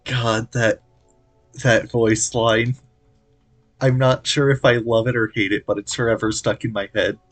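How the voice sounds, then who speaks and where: A man's voice: medium pitch, little pitch movement, a little slow, faint music behind. Chatty young male game streamer. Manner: self-deprecating, chatty. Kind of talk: gameplay livestream commentary.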